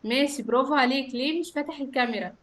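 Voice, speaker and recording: A woman's voice: sits high, very fast, a bit bright, slight background noise. A woman with an Egyptian Arabic accent teaching an online class, talking to small children in simple questions, repeats and coaxing praise. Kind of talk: interactive lesson for small children. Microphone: computer or phone on a video call.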